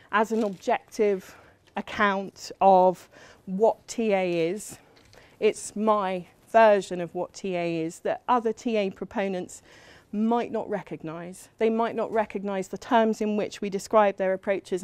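A woman's voice: medium pitch, darkish tone, clear, resonant tone, no room sound. A middle-aged woman from England giving a university lecture in a chatty, self-deprecating way with frequent ums. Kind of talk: academic lecture.

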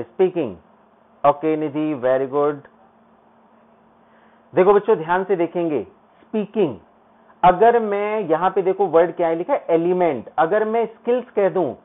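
A male teacher running a live online exam-prep class. He reads English quiz questions out slowly, explains them in Hindi, and praises students by name. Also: high-pitched. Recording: tinny phone-like online stream.

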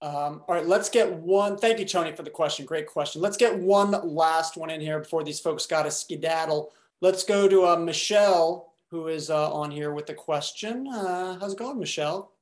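A man's voice: fairly high pitch, normal speed, hardly any pauses. A man moderating a panel, upbeat and friendly as he takes audience questions. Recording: echoey room.

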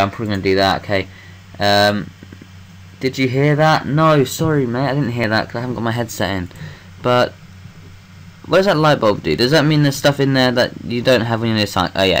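A man's voice: on the low side, slight background noise. Chatty young man narrating gameplay. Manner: rambling self-talk, swears freely. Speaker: gameplay commentator. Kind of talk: let's play commentary.

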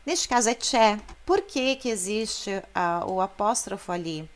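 Slow Brazilian woman teaching Italian sounds. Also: medium pitch, animated. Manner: explains slowly, models Italian sounds aloud. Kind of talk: language lesson.

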